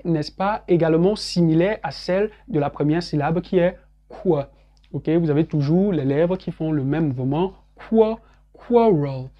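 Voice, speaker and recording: A man giving an online English pronunciation lesson. He drills words slowly, repeats them several times and often adds little check-in tags. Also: on the high side, muffled recording.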